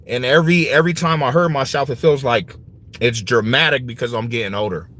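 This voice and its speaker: This livestream host, a man in his forties, has a medium-pitched, fairly bright voice and talks a little fast. He replies to viewers in a relaxed, slangy way, frequently repeating himself. The recording carries noticeable background noise.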